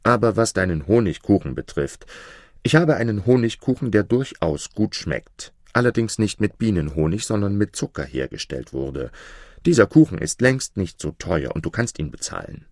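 A man's voice: on the low side, sing-song, normal speed, a little mellow, no room sound, clean studio sound. A man voicing a frank, good-natured baker in a fairy tale reading. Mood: bluff. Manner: blunt then apologetic. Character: jovial, frank male pastry baker.

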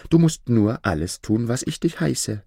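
A man's voice: medium pitch, sing-song, unhurried, creaky, warm tone, breathy edge, no echo, studio quality, voice pushed up, heavily acted. A man as a cunning, commanding fiddler. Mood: coaxing commands.

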